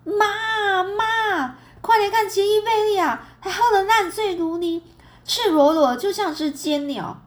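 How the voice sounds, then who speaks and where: A woman voicing a young girl who tattles on her brother, shouting loud, high and indignant. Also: lively intonation, fairly quick. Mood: shrill tattling.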